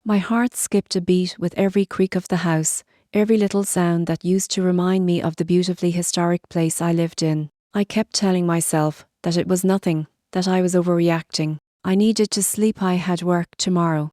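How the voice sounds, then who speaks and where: A woman narrating a scripted horror story in a steady, measured way. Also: lowish voice, no room sound, studio quality.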